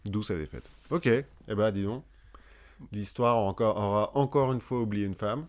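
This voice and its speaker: A man's voice: on the low side, moderate pace. A man co-hosting a casual history podcast, chatty and joking, often restarting his sentences with fillers. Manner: joking asides. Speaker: podcast co-host.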